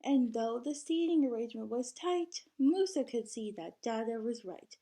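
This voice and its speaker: A woman reads a picture book aloud to young children, expressive and teacherly, stopping now and then to ask them questions. Her voice is on the high side.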